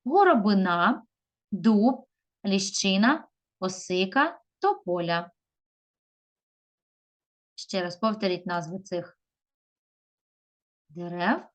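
A woman teaching a video lesson to young pupils, drawing words out slowly and calling them children. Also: mid-range voice, muffled recording. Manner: slow, drawn-out stressing of words; addresses pupils warmly as children. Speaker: primary school teacher.

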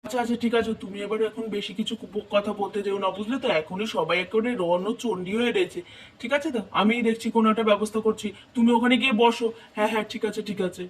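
A performer voicing a calm brother-in-law who soothes and persuades the family in a doll puppet show. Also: medium pitch, quick pace, recorded from a distance, slight background noise, natural voice. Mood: soothing. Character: calm, mediating brother-in-law, middle-aged man.

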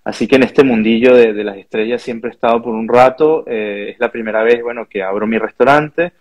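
A man's voice: medium pitch, steady tone, brisk. A Venezuelan chef in his thirties with a Venezuelan accent, speaking earnestly on a video call interview, often tagging his sentences with a questioning "no". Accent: Venezuelan Spanish. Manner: earnest, thoughtful, frequent restarts and "¿no?" tags. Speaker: chef and restaurant owner. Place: home or office room with pictures on wall, indoors. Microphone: video call, earbuds.

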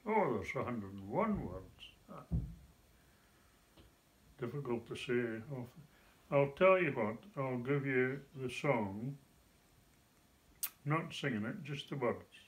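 An elderly man from North East Scotland with a broad Scots Doric accent, explaining things in a measured way in casual chat at home. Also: medium pitch, expressive. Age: 70s or older. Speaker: grandfather. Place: living room at home, seated in an armchair. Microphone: phone camera a short way off.

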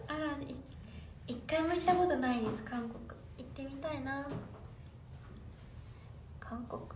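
A bubbly young woman with a high voice chats on a phone livestream, reading out fan comments and giggling as she answers. She sits a little off the mic in a roomy, echoing room with a faint hum of noise behind her. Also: distant mic. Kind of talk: casual livestream chat.

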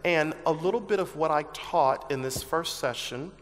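A man's voice: a little high, normal speed. Man lecturing in a reverberant hall. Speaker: seminar speaker. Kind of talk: motivational lecture in short phrases, paused for interpreting. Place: large church auditorium with audience. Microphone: headset. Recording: hall reverb over headset mic.

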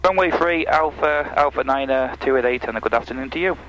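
Guy flying a little plane, average pitch, radio calls and checks, engine noise all around. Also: a little fast, fairly bright tone. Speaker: private pilot. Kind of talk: radio calls and cockpit self-talk. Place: small propeller plane cockpit. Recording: noisy small aircraft cockpit intercom.

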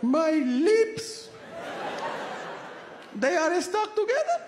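A man voicing his dazed, stoned elderly mother in her seventies, in a high, bewildered, spacey voice. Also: very animated, very slow, heavily acted. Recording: echoey room with loud background noise.

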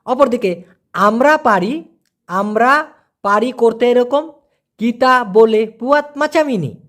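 A language teacher, giving a beginner lesson and repeating words slowly so learners can follow. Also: mid-range voice, expressive, a bit bright.

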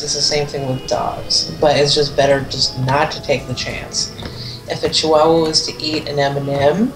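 A woman's voice: deep voice, fairly bright tone. A woman co-hosting a gaming video, chatting bluntly and swearing casually. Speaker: co-host of a gaming channel. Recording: roomy, distant mic.

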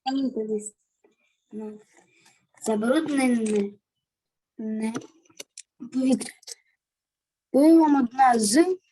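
A female pupil reads aloud very slowly and haltingly, breaking off and restarting words. Her voice is dark and mellow yet fairly high. Faint noise sits under it. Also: low-quality recording. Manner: hesitant, halting reading with restarts.

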